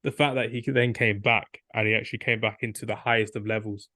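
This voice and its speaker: Young guy on a football podcast, rambly and excited, dry close sound. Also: fairly low pitch, fast talker, no echo. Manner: enthusiastic, rambling, acts out quotes. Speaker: podcast co-host. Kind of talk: casual football debate.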